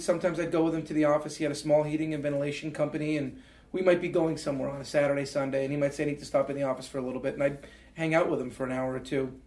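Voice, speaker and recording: A Canadian man in his forties, guesting on an interview, tells personal stories earnestly and reflectively, with many fillers and restarts. His voice is a little high with a darkish tone, and the recording has a roomy echo.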